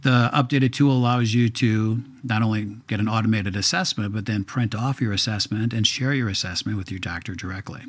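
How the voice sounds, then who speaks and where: A man working as a genetic counselor, explaining a process step by step in a measured way during an interview, with some fillers. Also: on the low side.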